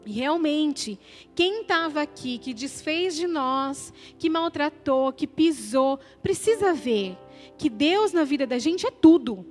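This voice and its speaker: A woman's voice: high-pitched, animated, takes it slowly, soft background music. A Brazilian woman giving an emotional, conversational testimony in a church service, often tagging her sentences with questions.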